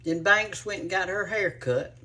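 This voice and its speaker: A woman's voice: medium pitch, normal speed, sharp tone. A woman hosting a cooking show, chatting to viewers in a rambling, homespun way. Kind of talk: casual chat to viewers.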